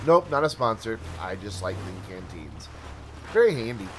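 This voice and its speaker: Over gameplay footage, a male channel host chats casually, rambling through asides and poking fun at himself, his voice tired after hours of talking. It sits on the low side with big pitch swings at a normal speed, and faint music plays behind him.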